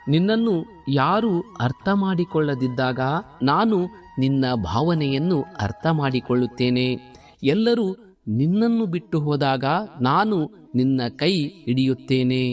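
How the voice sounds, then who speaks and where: Krishna, a man voicing the slow, solemn god. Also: medium pitch, darkish tone, lightly acted. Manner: slow solemn consoling, lifts stressed words. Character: the god Krishna, calm consoling divine male. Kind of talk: devotional scripted monologue.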